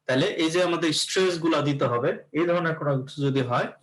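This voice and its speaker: A man's voice: on the high side, quick pace, fairly bright tone. Man teaching English class. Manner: explanatory, repeats "okay" to check in. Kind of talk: classroom lecture.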